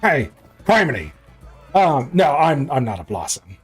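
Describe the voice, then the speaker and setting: A man's voice: a little high, sing-song, unhurried, slightly rough, soft background music, full character voice. Man playing a folksy big orc hostess. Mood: welcoming, chatty. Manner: folksy, chatty, welcoming. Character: large, hospitable, chatty female orc tavern keeper. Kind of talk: tabletop role-play character voice.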